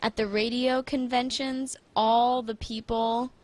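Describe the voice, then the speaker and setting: A woman's voice: a little high, flat delivery, slow pace, a little mellow. A young woman chatting casually with her father, asking him eager questions. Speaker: daughter of the host. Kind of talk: casual chat.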